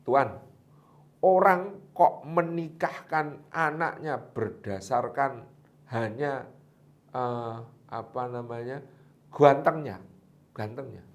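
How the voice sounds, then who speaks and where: A man's voice: mid-range voice, slow pace, long pauses. A man voicing a guileless young servant who speaks his mind plainly. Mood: blunt. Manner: blunt, guileless, matter-of-fact. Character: naive honest young male servant, blunt and plain.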